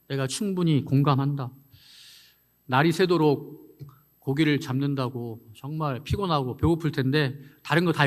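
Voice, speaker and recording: Brief: a kind, forgiving Jesus, soft and fatherly, voice a bit high and ringing through a long church reverb, a male preacher acting him out. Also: natural voice. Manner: tender, reassuring, fatherly. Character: gentle forgiving Jesus consoling a disciple.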